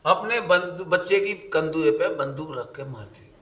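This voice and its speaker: A middle-aged Jain scripture teacher with a fairly high voice gives a sermon at a measured pace. He tells homely stories with animation, acting out the voices of the characters and often putting questions to his audience.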